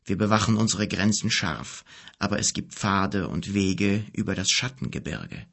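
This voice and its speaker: A solemn, gentle bearded wizard from an audiobook, as a man reads him. He speaks low and unhurried in a gravelly, husky hush. His tone rises and sinks a great deal. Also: expressive, exaggerated voice. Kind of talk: audiobook character voice.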